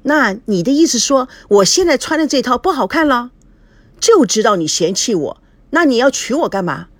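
A woman voicing a quarrelsome young bride in an audiobook, scolding in a high, shrill voice. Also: big pitch swings, moderate pace, dry recording. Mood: angry.

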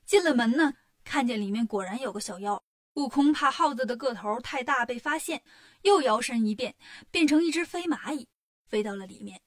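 A woman narrating a children's story in a lively, colloquial way. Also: fairly high pitch, moderate pace.

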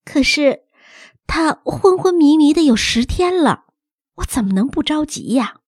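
A woman doing a worried, hushed young mother. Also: high voice, lively intonation, a little slow, no echo, studio quality. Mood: anxious.

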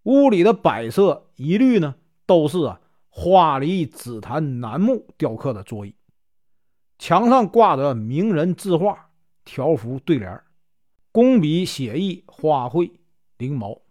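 A man's voice: fairly high pitch, sing-song, slow, darkish tone. A man with a Northeastern Mandarin accent narrating a traditional tale, chatty with filler particles between phrases. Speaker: storyteller.

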